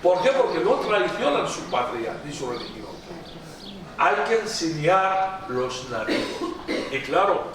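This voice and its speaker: In a noisy, echo-filled recording made from across a large church hall, a middle-aged man from Iraq lectures as a guest speaker. His native tongue is Aramaic and he has an Iraqi Arabic accent; his voice is high and fairly bright. He speaks with emphasis, repeats himself, and keeps tripping over and restarting words.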